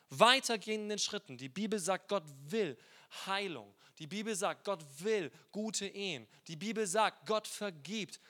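A man preaching a sermon in a lively, colloquial and playful way, telling stories with energy. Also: high voice.

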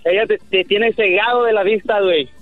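A man's voice: high-pitched, a little fast, no echo, faint music behind. Rude man on a tinny phone line. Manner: blunt, rude. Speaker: caller.

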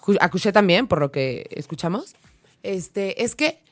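A woman's voice: mid-range voice, sing-song, measured pace, no room sound. A woman co-hosting a casual chat, joking and reading audience messages. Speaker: co-host.

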